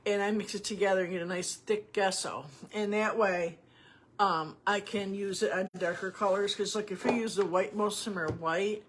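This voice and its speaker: Woman painting teacher, folksy and rambling, medium pitch, soft hiss in the background. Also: steady tone, normal speed. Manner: rambling, chatty, folksy, with asides and restarts. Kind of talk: casual painting tutorial.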